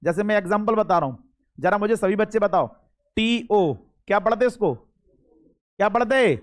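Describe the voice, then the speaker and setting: A man's voice: high voice, moderate pace. A young man, teaching a classroom lecture, chatty, talking straight to his students and repeating key words. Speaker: Hindi teacher.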